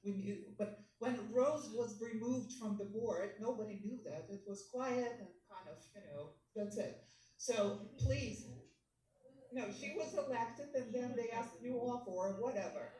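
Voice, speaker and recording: A woman's voice: on the high side, unhurried, mellow. A woman speaking as a resident at a board meeting, exasperated and pleading. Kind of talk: public comment at a meeting. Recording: echoey room, distant mic, faint noise.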